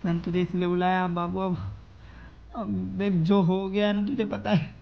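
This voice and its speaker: A man's voice: high-pitched, flat delivery, moderate pace. A young man hosting a prank video, pleading and soothing, using pet names over and over. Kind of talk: staged prank conversation. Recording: dull audio with faint noise.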